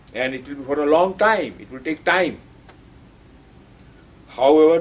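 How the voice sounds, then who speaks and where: Earnest man, somewhat high voice. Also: low-quality recording. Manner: earnest, emphatic, repeats key phrases for stress. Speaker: spiritual teacher explaining a poem. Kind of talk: devotional talk on poetry.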